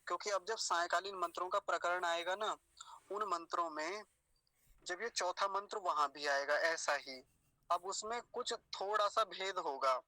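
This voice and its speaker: Male teacher, slightly high and sharp, breaks words into slow syllables and quizzes students. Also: dry recording, poor audio. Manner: drills words slowly, syllable by syllable. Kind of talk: pronunciation lesson.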